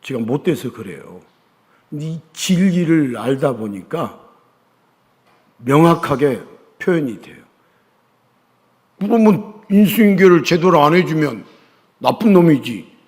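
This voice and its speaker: A man preaching in a church sanctuary, his voice on the higher side and lively in pitch. He keeps asking the congregation questions and demanding answers, rising loud one moment and dropping hushed the next. Long reverb trails after his words. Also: takes it slowly, pauses often. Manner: call-and-response questioning of the congregation; emphatic, swings from loud to hushed. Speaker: pastor. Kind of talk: sermon.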